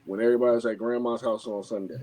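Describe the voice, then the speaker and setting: A man talking as a guest in a casual podcast discussion, halting and often repeating words. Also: medium pitch, steady tone, over a noisy crowd, rough recording.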